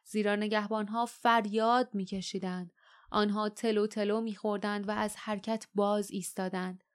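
A woman narrating a fantasy audiobook in a steady, measured reading voice. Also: fairly high pitch. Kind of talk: scripted storybook narration.

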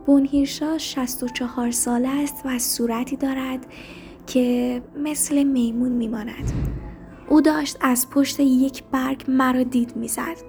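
A woman reading a story aloud in a soft, hushed narration. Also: high voice, fairly even intonation, soft background music. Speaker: story reader.

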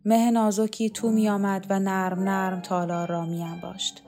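A woman reading a novel aloud as an audiobook narrator, in a measured, even storytelling manner. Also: mid-range voice, faint music behind.

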